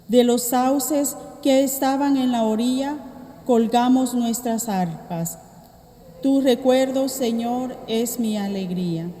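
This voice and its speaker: Female lector, slow measured reading, mellow tone, cathedral echo with long reverb. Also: fairly high pitch. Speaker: lector at Mass. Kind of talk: liturgical scripture reading. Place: large church. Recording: echoey church with long reverb.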